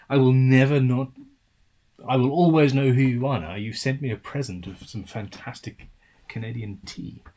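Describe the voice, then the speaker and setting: A British man hosting a casual live-stream Q&A about guitar building, reading viewer questions aloud and answering in a loose, chatty way with trailing restarts. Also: mid-range voice. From United Kingdom.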